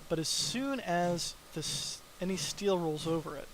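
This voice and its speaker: Casting: young male dev streamer, slightly high voice, loose and rambling, light hiss behind. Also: animated, a little slow. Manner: rambling, filler-heavy, tired. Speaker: mod developer streamer. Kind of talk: casual live stream chat.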